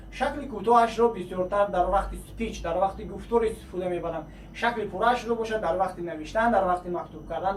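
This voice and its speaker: A man with a Tajik accent teaching a beginner English lesson, drilling short phrases slowly and switching between English and his own language. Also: high voice. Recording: echoey room, mic at a distance, faint noise.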